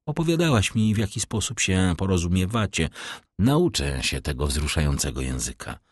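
A man's voice: deep voice, big pitch swings, normal speed, dry recording, studio quality. A man reading an audiobook, voicing a resolute young man in love in an earnest, declamatory manner. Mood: ardent. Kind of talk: audiobook reading of a classic novel.

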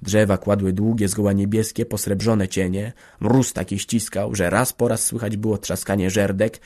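A male audiobook narrator reads a classic novel with a lowish voice. His delivery is dramatic, sinking to a hush in the quiet passages. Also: flat delivery, normal speed. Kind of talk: scripted literary narration.

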